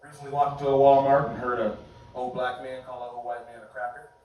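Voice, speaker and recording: A man performing a stand-up comedy set, animated and jumping into high voices for his bits. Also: fast talker, heavy reverb, far from the mic, dull audio, a little hiss or hum. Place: comedy club stage. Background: audience laughter.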